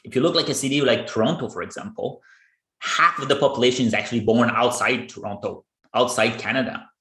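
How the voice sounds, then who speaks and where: Man, podcast host, earnest explainer, echoey room, mid pitch. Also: a little fast, bright, forceful tone. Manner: earnest, explaining in plain terms. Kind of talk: podcast interview.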